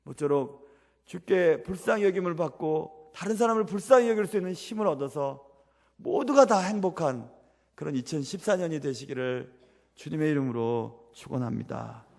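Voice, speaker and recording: A man's voice: on the high side, expressive, normal speed, vocal fry, darkish tone. A male pastor delivering a sermon in a church sanctuary, preaching with an earnest, repetitive cadence. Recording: long church-hall reverb.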